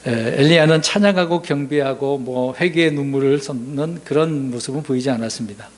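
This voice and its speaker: A male pastor preaches a sermon, putting questions to the congregation and swinging between loud emphasis and hushed asides. He speaks at medium pitch and a little fast.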